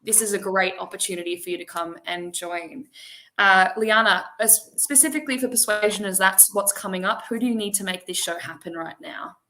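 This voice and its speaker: A woman's voice: medium pitch, fairly quick, sharp tone. A woman hosting an upbeat interview, speaking in an encouraging, promotional way to her viewers. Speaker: interviewer and host.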